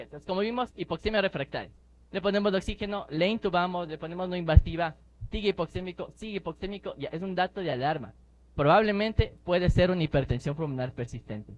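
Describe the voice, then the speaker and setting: A man lecturing on neonatal medicine, explaining step by step with emphasis and rhetorical questions. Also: sits high. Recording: slightly dull lecture recording with faint noise.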